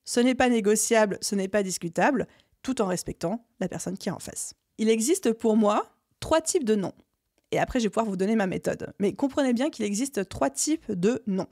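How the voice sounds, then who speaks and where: A young woman hosting a solo business podcast, explaining her methods in a clear, structured coaching way with lively emphasis. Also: mid-range voice, normal speed, no room sound, clean studio sound. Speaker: podcast host. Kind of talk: solo podcast advice talk.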